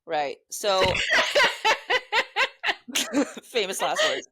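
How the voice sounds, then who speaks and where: A woman co-hosting a casual podcast chat with wry, unhurried remarks and casual swearing. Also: mid-range voice, wildly swooping pitch, fairly bright tone, a little hiss or hum. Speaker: podcast co-host.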